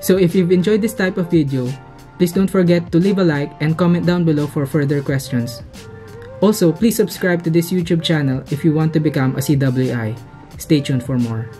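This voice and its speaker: A man's voice: a little high, warm tone, soft background music. Young man explaining a welding formula. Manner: slow, step-by-step explaining. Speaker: welding instructor. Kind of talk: narrated whiteboard tutorial. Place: indoors, small room.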